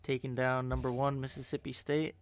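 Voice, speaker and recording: A man with a smooth, resonant voice co-hosts a casual sports podcast. He talks through the games with wry little jokes along the way. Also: medium pitch, flat delivery, brisk. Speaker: podcast co-host.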